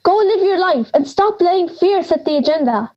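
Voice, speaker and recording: A young woman takes the role of a feisty ninety-year-old granny living in the woods for an audio drama, bluntly scolding with sarcasm in an urging mood. She speaks at a moderate pace with an extremely high pitch and lively intonation, over dull audio.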